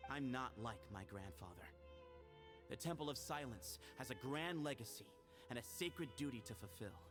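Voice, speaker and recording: A man's voice: medium pitch, lively intonation, moderate pace, natural voice. A man voicing a frank, confident young heir in a video game, direct and self-assured. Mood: calm, resolute. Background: music.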